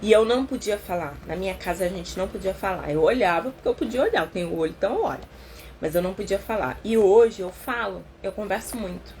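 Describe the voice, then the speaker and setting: A Brazilian woman therapist leading a casual live book-club talk, chatty and expressive, slowing down to stress her points. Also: medium pitch, slight background noise. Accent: Brazilian Portuguese.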